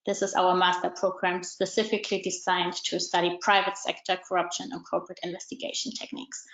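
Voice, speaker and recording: A woman introducing an online panel as moderator, measured with frequent fillers, over a video call. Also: on the low side, little pitch movement, vocal fry, fairly bright tone, roomy sound, rough recording. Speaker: webinar moderator.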